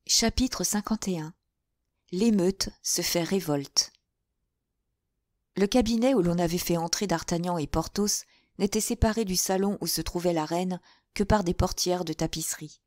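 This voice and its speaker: Woman narrator, audiobook, measured reading, low-ish voice, dry close mic. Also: a little mellow, dry recording. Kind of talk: scripted narration.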